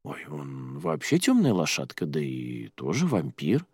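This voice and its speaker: A man reading the part of a sharp-tongued young woman student, with quick sarcastic retorts, in an audiobook. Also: very deep voice, huge pitch swings, slightly rough, no echo, clean studio sound, pitched below the performer's own voice, heavily acted. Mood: wry.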